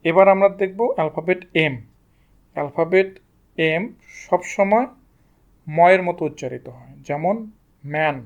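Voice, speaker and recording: High-voiced man teaching pronunciation. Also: moderate pace, long pauses. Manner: asks questions and answers them himself. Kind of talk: explaining lesson to students.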